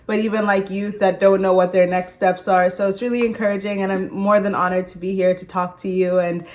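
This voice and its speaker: A Zambian woman in her twenties, appearing as an interview guest who works as a recruiting manager, tells personal stories casually. Her medium-pitched voice is flat and fairly quick, and she often drops in "like" and "you know."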